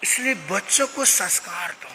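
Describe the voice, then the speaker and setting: A man's voice: high-pitched, animated, moderate pace, bright, forceful tone, a little hiss or hum. A male Jain monk giving an emphatic, moralizing sermon in a prayer hall, acting out stories. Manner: emphatic, moralizing, acts out dialogue. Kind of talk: sermon with storytelling. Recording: echoey hall with long reverb.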